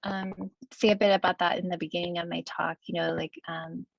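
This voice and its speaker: A woman's voice: on the low side, level tone, fairly quick, vocal fry, no room sound, muffled recording. A young woman scholar answering questions on a video call, hesitant, with many fillers and "right?" tags. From United States, Kentucky. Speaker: guest scholar. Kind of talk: online Q&A answer.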